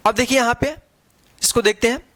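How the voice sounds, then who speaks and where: A woman's voice: a little high, brisk, a bit bright, no echo. A woman teaching a phonics lesson, spelling out letters one by one and then reading the word. She repeats each word and asks rhetorical questions as she goes. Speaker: English teacher.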